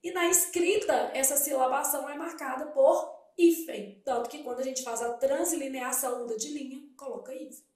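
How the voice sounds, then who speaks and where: A high-pitched woman with a darkish tone, originally from Brazil, explains Portuguese exam content at normal speed. She quizzes herself aloud and answers in turn, and the room echoes.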